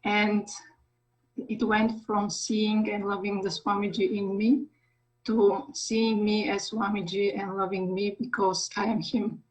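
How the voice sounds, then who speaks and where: A woman gives a reflective devotional testimonial in measured, read-out phrasing. Her voice sits at an ordinary pitch for a woman but stays flat, with little movement. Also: breathy edge, poor audio.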